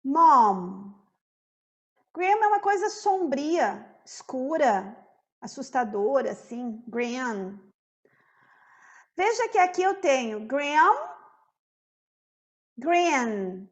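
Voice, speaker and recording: A Brazilian Portuguese-speaking woman teaching an English pronunciation lesson, saying each word slowly and repeating it several times. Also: high-pitched, very animated. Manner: slow drilling, repeating words several times.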